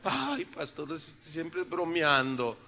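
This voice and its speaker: Man doing a very old woman, ninety-ish, high pitched, quavering, plaintive, sighing. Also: very animated, slow, bright, forceful tone, a little hiss or hum, heavily acted. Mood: teasing reproach. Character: frail old woman around ninety, complaining of aches.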